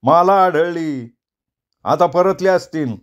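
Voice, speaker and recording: A male storyteller voicing a loud, joking village man who teases in a rustic dialect. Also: fairly high pitch, takes it slowly, voice pushed up. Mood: teasing.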